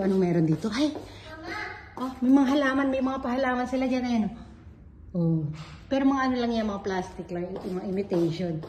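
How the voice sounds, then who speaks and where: A woman vlogging a casual hotel tour, chatting as she points things out and calls to her child. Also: a little high. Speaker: travel vlogger. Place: hotel lobby and halls, indoors. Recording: handheld camera, noisy background.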